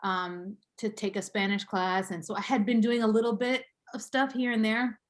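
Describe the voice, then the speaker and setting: Her voice is medium in pitch and level in tone, at a normal speed. She's a woman in her thirties from Boston, USA, reflecting on her life story as an interview guest, with frequent fillers and small laughs.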